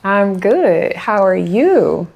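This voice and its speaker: Animated middle-aged woman podcast co-host. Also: medium pitch, very slow, gravelly, lo-fi sound. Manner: excitable, laughs easily. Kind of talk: casual chat. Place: on location, not in a studio.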